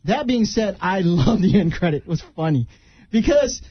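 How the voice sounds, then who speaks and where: A man's voice: sits high, big pitch swings, normal speed, husky, no echo. Laid-back man reviewing a movie. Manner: laid-back, laughing, repeats phrases. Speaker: podcast host. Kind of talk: casual movie review chat. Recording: dry, slightly dull sound.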